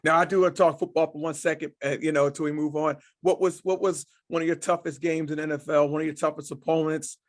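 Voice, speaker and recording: Male podcast host, higher register, casual and affirming. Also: flat delivery, quick pace, hardly any pauses. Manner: affirming, backchannels with frequent "yeah". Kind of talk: casual interview chat.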